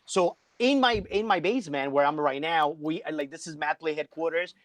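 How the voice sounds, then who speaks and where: A man's voice: on the high side, moderate pace, no room sound. A middle-aged man, a math teacher talking casually as an interview guest from his home basement, filling his speech with "like.". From Colombia. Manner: chatty, peppers speech with "like".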